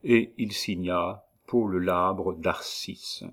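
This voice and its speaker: Male audiobook narrator, lowish voice, measured and unhurried. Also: fairly even intonation, fairly bright tone. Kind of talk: scripted narration of a classic novel.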